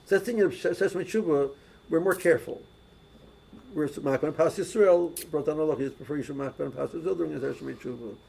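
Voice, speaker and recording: A man's voice: on the high side, fast, creaky, a little mellow, husky, rough recording. A man giving a casual religious lesson, telling anecdotes with many restarts and repeated words. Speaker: religious teacher. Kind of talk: casual teaching talk with anecdotes.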